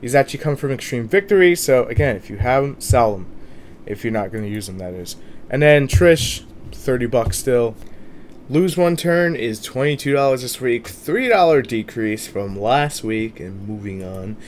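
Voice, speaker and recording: A man's voice: mid-range voice, animated, moderate pace, a little hiss or hum. A man with a sore throat, feeling sick, giving casual, informal video commentary as host of a price guide. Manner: informal, mild swearing. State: under the weather with a sore, swollen throat.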